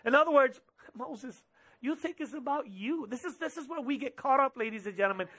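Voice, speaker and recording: A man in his thirties preaching on a church stage, speaking through a headset mic. His voice sits very high and sounds bright and forceful. He preaches with animated gestures and quick quoted asides. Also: slightly rough. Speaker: pastor. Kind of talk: sermon. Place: church stage with drum kit behind, indoors.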